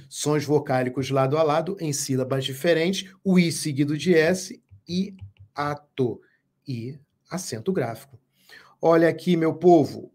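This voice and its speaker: A man teaching a live online grammar lesson, speaking slowly and emphatically, repeating key words and asking viewers questions. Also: fairly high pitch. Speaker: Portuguese teacher.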